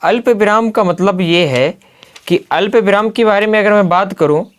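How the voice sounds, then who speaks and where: A man's voice: high voice, clear, resonant tone. A man teaching a grammar lesson at a blackboard. He often poses a key word as a question and then answers it himself. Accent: Hindi. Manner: slow and deliberate, spelling out examples.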